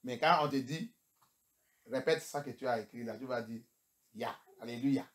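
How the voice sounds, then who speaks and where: A man's voice: mid-range voice, normal speed. Man preaching a bilingual sermon. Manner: switches between English and French, rising to shouts; rhetorical questions to the congregation. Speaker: pastor.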